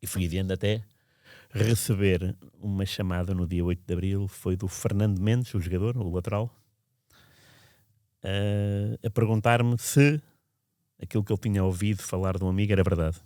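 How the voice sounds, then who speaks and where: A man speaks on a podcast in a fairly low voice. He tells his story in a casual, reflective way that wanders and often restarts mid-sentence. The recording is dry and close, with no room sound. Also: steady tone, normal speed, mellow, no room sound. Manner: reflective, meandering, frequent restarts. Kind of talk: casual spoken recollection.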